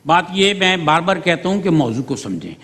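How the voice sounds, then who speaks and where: A man's voice: on the high side, sing-song, a bit bright, big-room sound. A man judging a speech contest on a TV show, bluntly pointing out forgetting and pronunciation errors. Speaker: debate judge. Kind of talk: TV competition judging. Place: TV studio.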